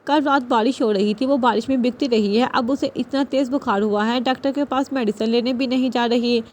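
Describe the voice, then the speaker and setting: A woman's voice: on the high side, fairly even intonation, darkish tone, natural voice. A woman voicing a worried middle-aged mother in a novel reading, anxious and coaxing. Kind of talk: audiobook character reading.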